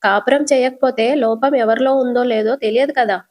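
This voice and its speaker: A woman's voice: a little high, fairly even intonation, normal speed, a little mellow, close to an everyday voice. A woman voicing an arrogant young husband who talks bluntly and scolds, in a serial recap. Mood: dismissive.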